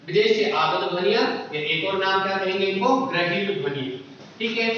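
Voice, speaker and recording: A man's voice: high-pitched, a bit bright, very echoey, far from the mic, muffled recording, slight background noise. A man teaching a Hindi grammar lesson for exam prep. He asks questions and answers them himself, and he keeps repeating the key terms.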